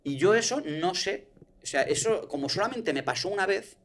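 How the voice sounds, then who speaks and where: A man's voice: sits high, big pitch swings, moderate pace, fairly bright tone, slight background noise. A man, telling a personal story in casual conversation, swearing and restarting often.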